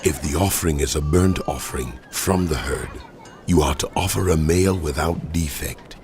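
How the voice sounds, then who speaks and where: Commanding deity, deep bass register, solemn biblical narration, measured delivery, dramatized scripture, music underneath. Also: male voice. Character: God, solemn commanding male deity giving laws. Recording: music behind the voice. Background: background music.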